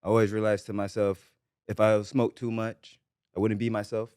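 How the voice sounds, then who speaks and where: Laid-back man, smooth low voice. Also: level tone, normal speed, a little mellow, no echo, clean studio sound. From Barbados. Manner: laid-back, upbeat, full of slang and "yes, sir". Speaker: guest, reggae artist. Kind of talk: casual interview chat.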